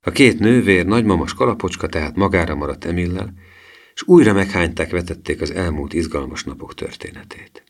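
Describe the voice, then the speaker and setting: A male narrator reads a children's novel as an audiobook, with a very deep, low voice. He tells the story at a measured pace and changes his voice for each character. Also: expressive.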